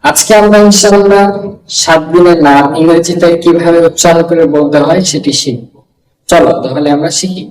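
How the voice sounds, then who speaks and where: A man giving a beginner English lesson, slowly drilling words one by one and opening with a religious greeting. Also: fairly high pitch, fairly even intonation, a little mellow, recorded from a distance. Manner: slow, careful word-by-word pronunciation drills; opens and closes with Islamic greetings. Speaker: English teacher. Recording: echoey room, voice off-mic.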